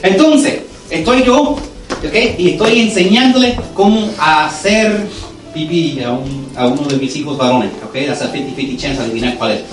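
A pastor preaching a sermon in church, earnest and turning lively when he tells a story, with English words dropped in. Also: fairly high pitch, moderate pace, recorded from a distance. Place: church sanctuary. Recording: echoey church hall, voice from afar, music under it.

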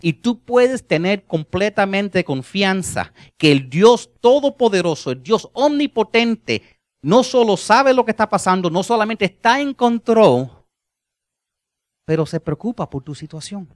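A male preacher, a Spanish speaker, with a somewhat high and very lively voice that drops to quiet, low endings and then climbs to loud, emphatic lines. The recording is dry and close, with no room echo. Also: a little slow. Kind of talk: sermon.

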